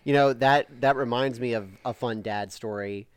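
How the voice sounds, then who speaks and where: A man in his thirties, a podcast co-host, chatting casually and telling animated family stories. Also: mid-range voice, normal speed, clean tone, no echo. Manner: animated storyteller, acts out a toddler's shouting. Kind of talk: casual chat.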